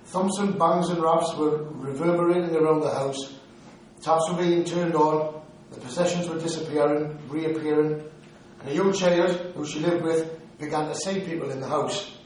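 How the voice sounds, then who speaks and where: Speaking in a thick Geordie accent, a Newcastle upon Tyne man presents a prepared talk about a paranormal case to a lecture hall audience. His higher voice has fairly even intonation and moderate pace, captured by a distant mic in a very echoey hall with slight background noise.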